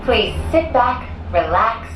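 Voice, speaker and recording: A woman making a polite, measured recorded passenger announcement, played over a cabin loudspeaker inside a moving gondola. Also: on the high side, sing-song, distant mic. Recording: echoey loudspeaker with ride noise, from afar.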